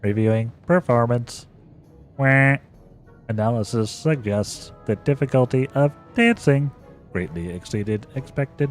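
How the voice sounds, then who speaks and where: A man playfully voices game dialogue, reading a formal robot unit's lines aloud in a clipped, mechanical manner. His voice is mid-range with a darkish tone and sounds natural.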